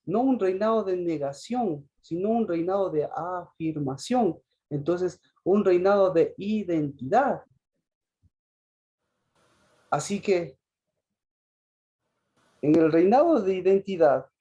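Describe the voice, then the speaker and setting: Husky preacher man, halting delivery. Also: high-pitched, dark tone, lo-fi sound. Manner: halting, repeats and restarts phrases, rhetorical questions. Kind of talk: sermon.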